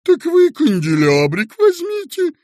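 Man doing Dyrkin, shrill fawning office boss. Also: huge pitch swings, a little slow, darkish tone, no room sound, clean studio sound, heavily acted. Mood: self-pitying. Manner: blustering then whining and servile. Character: pompous office boss turned fawning, middle-aged man.

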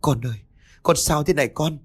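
A man voicing a frantic, worried middle-aged mother who pleads in a raised, shrill voice. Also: fairly quick, husky. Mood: distraught.

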